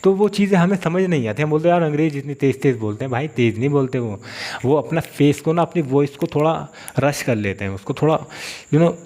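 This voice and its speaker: A man from India, teaching English grammar in a classroom style and slowly repeating example phrases. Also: fairly high pitch, a little mellow. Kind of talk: classroom-style spoken lesson.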